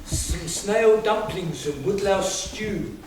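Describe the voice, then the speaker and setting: Man playing a shrill, camp pantomime dame. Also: takes it slowly. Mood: fussing, hammy. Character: camp pantomime dame, doting bawdy village mother. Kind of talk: rhyming stage pantomime acting. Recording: distant echoey theatre recording, noisy.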